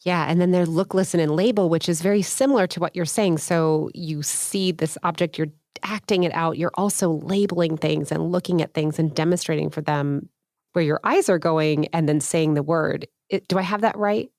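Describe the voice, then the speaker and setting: A woman's voice: low voice, normal speed, no echo, studio quality. A woman hosting a parenting podcast, affirming her guests and asking questions. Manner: warm, affirming, asks questions. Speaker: podcast host. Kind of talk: podcast interview and ad read.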